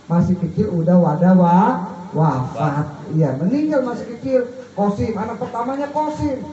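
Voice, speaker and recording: Man preaching in an echoey hall. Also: moderate pace. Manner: leaves words unfinished for the crowd to complete; rises high and soft on questions. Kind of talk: sermon. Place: large room at a gathering. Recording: dull, echoey, from a far mic, faint hiss.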